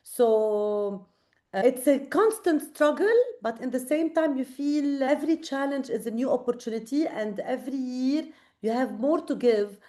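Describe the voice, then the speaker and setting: A tired Lebanese woman, a creative director, is a guest on a late-night video call. She speaks earnestly and reflectively with many fillers in a Lebanese accent, her high voice mellow and lively at normal speed.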